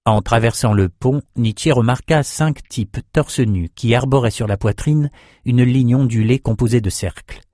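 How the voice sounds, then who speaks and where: Man with a dry steady narration. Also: medium pitch, measured pace, no room sound. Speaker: audiobook narrator. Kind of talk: scripted narration.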